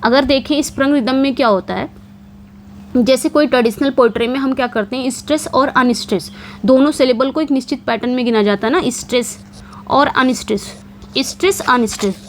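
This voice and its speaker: A woman teaching English literature for an exam, posing questions and answering them herself. She repeats key points and reads the English quiz questions slowly. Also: high-pitched, a little hiss or hum. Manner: repeats key points with frequent check-ins. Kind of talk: exam-prep lecture.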